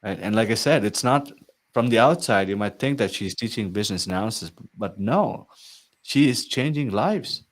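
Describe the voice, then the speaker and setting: Fairly low-voiced and animated, a man speaks at a moderate pace. Working as an IT consulting coach, he promotes to viewers in an earnest, persuasive way, frequently adding "right?" at the end of sentences.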